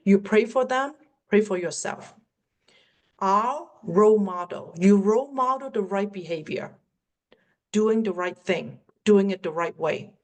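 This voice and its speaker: A middle-aged native Cantonese speaker, accent audible, works as a workplace communication coach answering webinar questions online. Her voice is mid-range. Her tone is sincere and encouraging, and she slows down when emphasizing what matters most.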